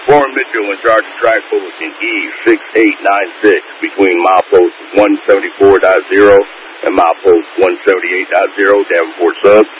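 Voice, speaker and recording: A low-voiced man talks over a walkie-talkie, his voice muffled and narrow through the radio. A faint hiss sits under every word. He reads out track numbers in a slow, formal radio routine. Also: steady tone. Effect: heard over a two-way radio. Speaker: railroad track foreman. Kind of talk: clipped radio procedure.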